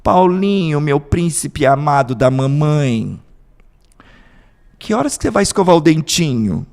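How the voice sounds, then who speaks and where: Man doing a soft doting mom, all sweet pleading, kinda echoey. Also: low-pitched, expressive, a little slow. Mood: coaxing. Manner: sing-song pleading, diminutives. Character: doting overindulgent mother coaxing her son.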